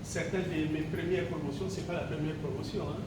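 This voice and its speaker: This Congolese man in his sixties, a teacher from the DRC, speaks in a slightly high, steady-toned voice at a brisk pace. His reflective gala speech is hesitant, packed with fillers and repeated words, and it's picked up by a distant mic in a very echoey hall with background noise.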